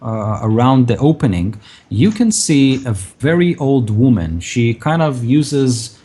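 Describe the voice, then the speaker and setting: A man narrating a tabletop game as game master, improvising descriptions in a halting way. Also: mid-range voice, very animated, mellow, slightly rough.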